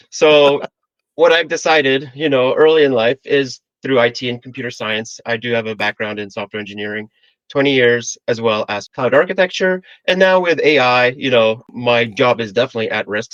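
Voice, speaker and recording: A man's voice: mid-range voice, fairly bright tone, dry recording. Podcast guest, man in his forties from the Philippines, friendly and joking, dry and dull lo-fi sound. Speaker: guest, AI consultant. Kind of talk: casual interview chat.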